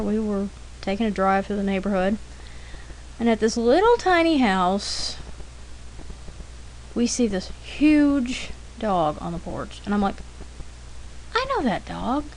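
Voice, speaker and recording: Very animated, with a voice on the high side, this artist takes her time and pauses often as she talks through a drawing demonstration. She rambles casually with anecdotes, stays chatty and informal, and frequently clears her throat. The low-quality recording has slight background noise.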